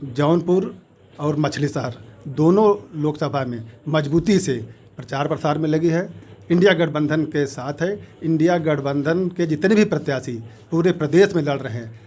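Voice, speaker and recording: A party representative man, listing points in a street interview with halting restarts. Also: on the high side, darkish tone, slight background noise.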